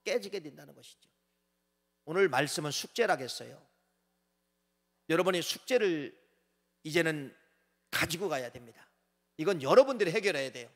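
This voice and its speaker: A male pastor delivers a sermon in a church sanctuary, his voice sitting high for a man and ringing out with a long reverb tail. He preaches with animation, pushing phrases up loud and then dropping to quieter asides as he addresses the congregation directly. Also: animated, moderate pace, long pauses.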